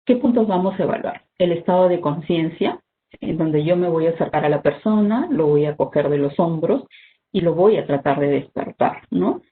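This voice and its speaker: A health instructor, giving an online first-aid training talk in a measured, explanatory way, often ending points with "¿no?". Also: medium pitch. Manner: measured, explanatory, frequent "¿no?" tags and "este" fillers. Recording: tinny phone-like video call audio with faint noise.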